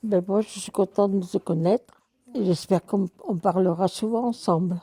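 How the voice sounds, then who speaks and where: Woman, 80s, from southern France. Husky and very dark, earnest. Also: medium pitch, normal speed. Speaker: care home resident interviewed by a child. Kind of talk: casual interview answers.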